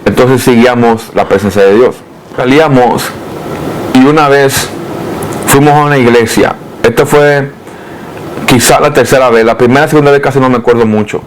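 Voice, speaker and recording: A middle-aged man, a pastor, earnestly telling his testimony in a podcast interview, calling the listener brother and rising in pitch when he relives his prayers. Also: fairly even intonation, normal speed, a little hiss or hum, rough recording. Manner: rises and gets louder when reliving prayers.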